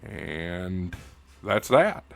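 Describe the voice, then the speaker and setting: Low-voiced man with an Appalachian hillbilly accent. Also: sing-song, extremely slow, creaky. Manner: folksy, informal, addresses viewers as y'all and guys. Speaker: YouTube host and amateur radio news anchor. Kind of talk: casual tutorial livestream chat.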